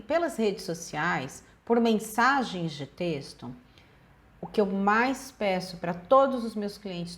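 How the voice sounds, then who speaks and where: Brazilian woman psychologist, a touch high-voiced, direct and emphatic with viewers. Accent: Brazilian Portuguese. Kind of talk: relationship advice talk.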